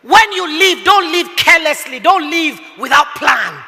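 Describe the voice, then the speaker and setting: Fervent woman pastor, forceful and echoey. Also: high-pitched, big pitch swings, a little slow. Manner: fervent preaching with rhetorical questions and shouted bursts. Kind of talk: sermon. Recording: echoey hall.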